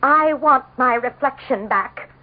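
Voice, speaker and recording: An actress voices a vain, desperate, scheming politician's wife in a melodramatic radio drama, her delivery theatrical, anguished and imperious. Her high-sitting voice moves a little slowly in desperate pleading, mixing drama acting with first-person narration. It sounds like a muffled, lo-fi vintage radio broadcast.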